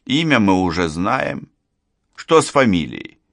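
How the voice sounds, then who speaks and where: A man's voice: lowish voice, big pitch swings, measured pace, vocal fry, fairly bright tone, no room sound, clean studio sound, heavily acted. A man voicing a mild, reassuring police colonel in an audiobook. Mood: calm. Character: calm soothing middle-aged male police colonel.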